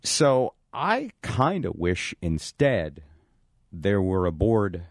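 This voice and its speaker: A man's voice: low-pitched, huge pitch swings, takes it slowly, no room sound, clean studio sound. A man hosting a radio show, talking and reading to listeners. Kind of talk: radio talk and live-read ads.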